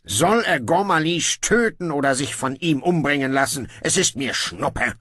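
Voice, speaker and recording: A man voicing a weary, ruthless young king who talks in gruff, dry sarcasm. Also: fairly high pitch, lively intonation, normal speed, bright, forceful tone, dry recording, voice pushed up, exaggerated voice. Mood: sardonic.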